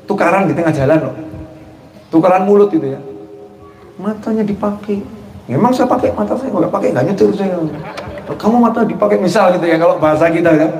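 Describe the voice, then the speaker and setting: A man's voice: high voice, animated, fairly quick, long pauses, darkish tone, roomy sound. A man with a Javanese Indonesian accent preaching to a gathering, joking with the audience and asking rhetorical questions. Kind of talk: sermon.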